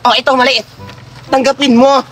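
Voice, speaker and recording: A woman playing a bossy middle-aged woman who hands out Christmas gifts and scolds the children loudly. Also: sits high, level tone, moderate pace, soft background music. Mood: scolding. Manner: scolding, shouty.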